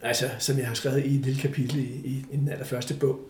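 An older man telling a story from his life in a casual interview, animated, acting out the voices of the people in it. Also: mid-range voice, a little hiss or hum. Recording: echoey room.

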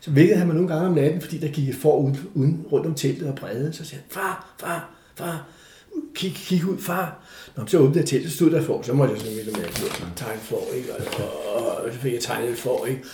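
An older man telling a story from his life in a casual interview, animated, acting out the voices of the people in it. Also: mid-range voice, hardly any pauses, slight background noise. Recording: echoey room.

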